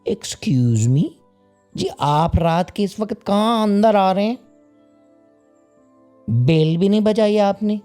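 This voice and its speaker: A man's voice: high voice, expressive, warm tone, clean tone, soft background music, voice pushed up. A man voicing a bossy, quarrelsome female myna bird who argues with her mate. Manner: bossy, quick, teasing.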